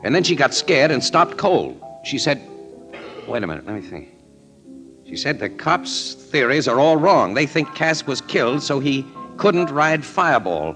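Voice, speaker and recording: Casey, animated wisecracking crime photographer. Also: male voice, mid-range voice. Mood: urgent, excited. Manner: slangy, brisk, urgent talk. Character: brash, wisecracking male newspaper crime photographer. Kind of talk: 1940s radio drama acting. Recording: old radio show with music.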